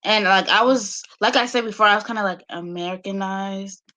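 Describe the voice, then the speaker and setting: A woman's voice: mid-range voice, brisk, pushed and bright, a little hiss or hum. A young woman talking as a guest in casual chat, hesitant and full of fillers. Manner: hesitant, lots of likes.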